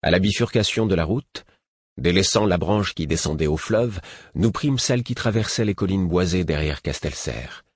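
A man narrating a fantasy audiobook in the first person at a steady pace. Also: deep voice, moderate pace, no echo, clean studio sound.

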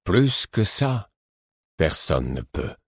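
A man voicing a plain-spoken older hermit in an audiobook, with slow, halting, simple phrasing. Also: low voice, sing-song, slightly rough, dry recording, clean studio sound, heavily acted. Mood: gruff.

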